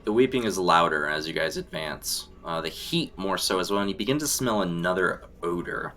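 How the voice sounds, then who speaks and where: Deep-voiced man narrating as game master. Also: expressive, a bit bright, a little hiss or hum. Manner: descriptive, deliberate scene-setting. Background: background music.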